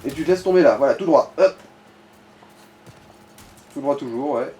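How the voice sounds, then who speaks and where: Guiding a player through a game, this co-commentator chats loosely in crude, informal slang. His mid-range voice has a darkish tone and moves at a moderate speed.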